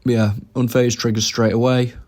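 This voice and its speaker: A man's voice: mid-range voice, flat delivery, moderate pace, a little mellow. A young man giving casual commentary over his own game, thinking aloud about each move as he plays.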